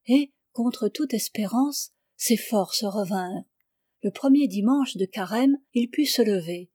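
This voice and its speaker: Mellow woman reading a novel aloud. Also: mid-range voice, dry recording, studio quality. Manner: calm, even, literary reading. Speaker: audiobook reader. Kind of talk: scripted narration of a novel.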